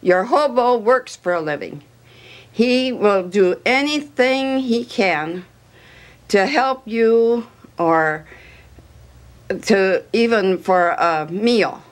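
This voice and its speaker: An older woman recalls the past as an interviewee. She speaks very slowly, in a plain oral-history style. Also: medium pitch, animated.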